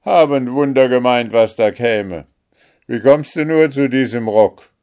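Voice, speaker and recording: A man voicing a crowd of rough old gate guards who shout and jeer, loud and impatient, in a storybook reading. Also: mid-range voice, unhurried, voice pushed up, natural voice. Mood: mocking shouts. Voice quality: rough, barking.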